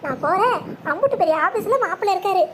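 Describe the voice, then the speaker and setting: A woman's voice: very high-pitched, lively intonation, fast talker, slight background noise. A woman voicing a blunt, scolding mother in a cartoon. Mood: gleeful. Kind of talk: animated cartoon voice acting.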